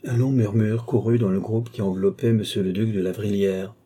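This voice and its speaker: A man reading a classic novel aloud as an audiobook narrator, lifting his pitch to voice the characters' dialogue. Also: steady tone, brisk, warm tone, husky. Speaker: audiobook reader.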